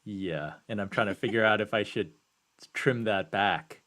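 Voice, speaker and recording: A man's voice: lowish voice, measured pace, fairly bright tone. Easygoing man podcast co-host. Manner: easygoing, amiable, laughs at himself. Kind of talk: casual live-stream chat.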